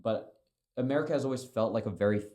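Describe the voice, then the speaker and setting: Warm in tone and on the low side, this man's voice moves quickly. He's a Chinese filmmaker, a native Chinese speaker, chatting loosely as a guest on a podcast, rambling with many fillers and swearing casually.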